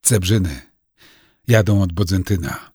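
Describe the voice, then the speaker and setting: A man's voice: low voice, animated, a little slow, warm tone, breathy edge, no echo, clean studio sound, exaggerated voice. A man voicing a stern old village witch. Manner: curt, scolding, folksy rustic speech.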